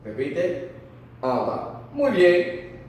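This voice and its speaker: A man's voice: high-pitched, wildly swooping pitch, extremely slow, darkish tone, heavy reverb, big-room sound, recorded from a distance, low-quality recording. A man teaching a language lesson, patiently saying words and asking the learner to repeat after him.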